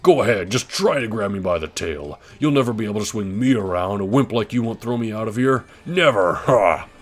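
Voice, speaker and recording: Man putting on loud, blustering Bowser, villainous monster king. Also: lowish voice, animated, a little fast. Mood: gloating, taunting. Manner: taunting, blustering, growled exclamations. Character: boastful villainous turtle monster king, gloating and menacing. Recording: game music behind the voice.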